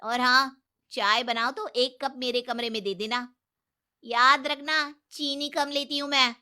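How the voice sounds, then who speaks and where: Casting: a woman doing a cheeky young bride, defiant and loud, high and very bright. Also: very animated, moderate pace, exaggerated voice. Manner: defiant, sassy, loud retorts. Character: bold, sharp-tongued new young daughter-in-law.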